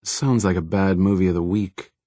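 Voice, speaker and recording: A man's voice: sits low, steady tone, normal speed, warm tone, no echo, close to an everyday voice. A man reading the lines of a serious, somewhat grim young woman police detective in an audiobook. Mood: earnest.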